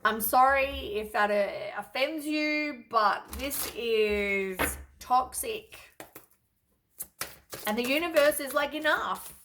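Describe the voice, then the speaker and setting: Woman, tarot reader, higher voice, blunt, exasperated, sighing, casual swearing. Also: takes it slowly, a bit bright, a little hiss or hum. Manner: lots of sighs and fillers. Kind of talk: casual tarot reading to camera.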